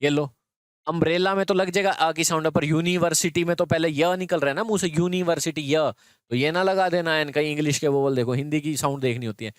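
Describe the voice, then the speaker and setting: Guy teacher doing an exam grammar class, clear smooth voice kinda high, walks through it step by step, dry close sound. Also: fast talker, no room sound. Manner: explains step by step, often checks in with students. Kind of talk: exam prep grammar lesson.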